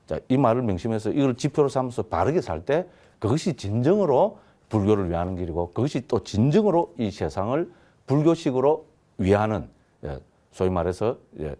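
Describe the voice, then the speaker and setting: A man's voice: medium pitch, very animated, normal speed, mellow. A man, a Buddhist monk, lecturing on Buddhist teaching and often putting rhetorical questions to his listeners. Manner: keeps asking the class rhetorical questions.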